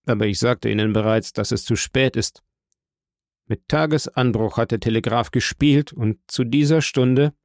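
A man's voice: mid-range voice, moderate pace, no room sound, close to an everyday voice. A man playing a stern state prosecutor who argues with dry firmness and feverish rhetoric. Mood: firm. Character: stern, bitter male state prosecutor, fervent.

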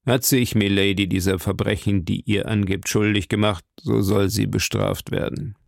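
A man voicing a powerful, scheming old cardinal who speaks slowly and probingly. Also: fairly low pitch, steady tone, vocal fry, no echo, clean studio sound. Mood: startled. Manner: slow, measured, probing.

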